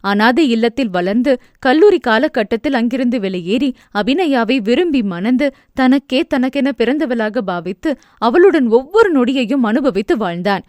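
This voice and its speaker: A woman narrates a novel in a steady, storybook manner. Her voice sits on the higher side, and the recording is dry and close with no room sound. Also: moderate pace, no room sound. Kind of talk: scripted narration.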